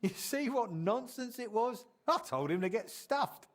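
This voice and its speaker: An actor with a very high-pitched voice plays a chatty medieval townsman, keeping a measured pace through his amused storytelling. It's video game dialogue where he fondly recalls an old drinking friend, colloquially animating every quote.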